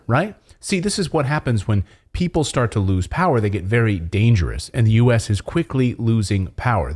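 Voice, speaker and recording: A man delivers opinionated news commentary as a show host. His pitch moves in a very animated way, dipping and leaping for emphasis. He sounds conspiratorial and distrustful, with sarcastic, mocking asides. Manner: conspiratorial, alarmed distrust of officials and media.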